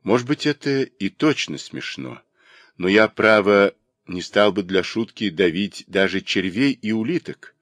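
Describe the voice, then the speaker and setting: A man voicing an earnest, reserved young gentleman who speaks calmly and sincerely. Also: fairly low pitch, no room sound. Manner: calm, sincere, measured.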